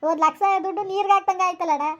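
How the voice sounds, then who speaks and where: A woman's voice: very high-pitched, fairly even intonation, lo-fi sound. A woman playing a grieving village woman who laments and curses a runaway girl in a family skit. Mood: angry cursing. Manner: lamenting, cursing, rapid village speech.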